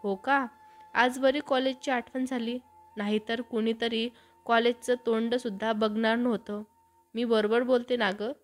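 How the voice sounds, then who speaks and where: A woman's voice: fairly high pitch, level tone, a little slow, faint music behind, close to an everyday voice. A woman voicing a young college student in a storybook tale, with a teasing, slightly pouty delivery.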